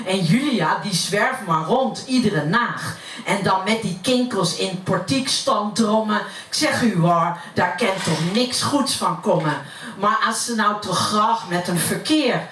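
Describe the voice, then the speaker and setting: A woman's voice: medium pitch, fairly bright tone. A woman reciting dialect poetry as a brash, cheeky working-class woman with a broad Utrecht Dutch accent. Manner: earthy, colloquial, cheeky. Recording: roomy, distant mic, faint noise.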